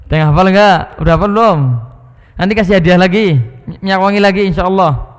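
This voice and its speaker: A male Islamic teacher gives a Quran commentary class in a mosque. He talks in a relaxed way and coaxes and teases the congregation. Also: high-pitched, fast. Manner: conversational, coaxing and teasing the congregation. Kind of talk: mosque study-circle lecture. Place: mosque prayer hall. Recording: long hall reverb in a mosque.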